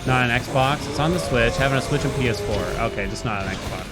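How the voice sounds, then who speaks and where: A man in his thirties streams a video game, tossing out casual live commentary full of slang and swearing. His voice is medium in pitch and fairly quick, with game music playing underneath.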